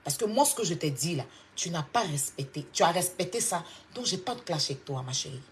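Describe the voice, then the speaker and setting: A woman from Côte d'Ivoire with an Ivorian French accent, delivering a confrontational, mocking monologue that swings from loud outbursts to low scolding. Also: animated, a little fast, a little hiss or hum. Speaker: online commentator. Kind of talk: heated clash monologue.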